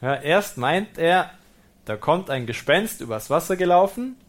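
A man, a priest, reads a Gospel passage and explains it in a reflective sermon, calm and lightly humorous. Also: on the high side, a little slow. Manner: German-speaking preacher. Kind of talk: sermon with scripture reading.

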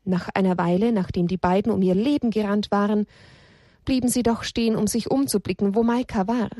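A woman narrating a children's story, gently expressive. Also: medium pitch, brisk, no echo, clean studio sound.

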